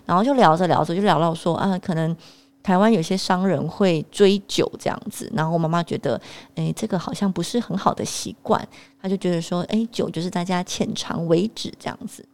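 A young woman telling a personal story to camera, animated and exasperated. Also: fairly low pitch, brisk. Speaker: vlogger.

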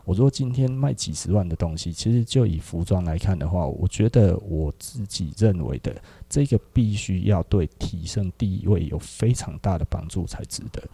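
A middle-aged Taiwanese man with a deep, gravelly, dark voice, chatting through a podcast monologue. He keeps checking in with rhetorical questions. His husky tone sits close and dry on the mic. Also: animated, normal speed, hardly any pauses, no room sound. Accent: Taiwanese Mandarin. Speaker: podcast host, clothing shop owner.

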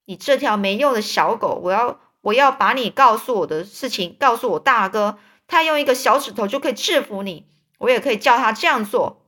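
Brash boy itching for a fight, as a lady reader does him, shrill and bright, storybook. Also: lively intonation, fairly quick. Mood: defiant. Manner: taunting, bragging threats.

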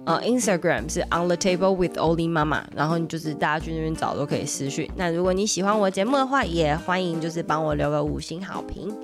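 A pregnant woman in her thirties with a Taiwanese Mandarin accent, hosting a podcast in casual chat and laughing often. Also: on the low side. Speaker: podcast host.

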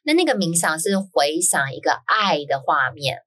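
This low-pitched woman is a guest, an author who also teaches school, sharing a personal story in conversation. She sounds lively, with plenty of fillers and quick "yes, yes" affirmations.

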